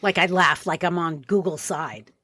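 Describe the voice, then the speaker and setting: A woman's voice: lowish voice, pushed and bright, no room sound, clean studio sound. A woman co-hosting a podcast in a playful, teasing, casual way. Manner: playful, teasing, quick reactions. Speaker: podcast co-host.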